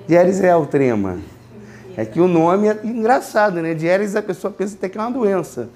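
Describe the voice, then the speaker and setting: Male language teacher from Brazil, high voice, classroom lecture, drills pronunciation by repetition. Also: animated, a little mellow. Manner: explains slowly, repeats words, asks students to repeat. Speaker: Spanish teacher.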